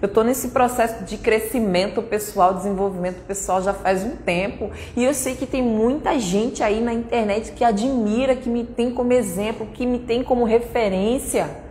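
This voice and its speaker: A woman's voice: on the high side, normal speed, mellow. Emphatic Brazilian woman in an echoey hall. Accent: Brazilian Portuguese. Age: 30s. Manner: emphatic, blunt and repetitive. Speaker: conference speaker. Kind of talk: motivational conference talk. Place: conference hall. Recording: echoey hall, faint noise.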